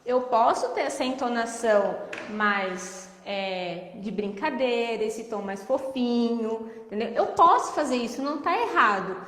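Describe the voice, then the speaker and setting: Woman, Brazilian accent, speech therapist, animated explainer, echoey room. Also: on the high side, measured pace, few pauses, a little hiss or hum. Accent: Brazilian Portuguese. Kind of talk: explaining in casual conversation.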